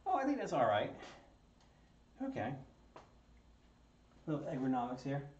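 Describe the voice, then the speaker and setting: A man with a mid-range voice and huge pitch swings talks at a moderate pace, with slight background noise. Hosting his maker channel from a basement workshop at home, he assembles a 3D printer kit while chatting, chuckling often and teasing himself. Recorded by a camera on a tripod across the table, it sounds roomy, distant and a little dull.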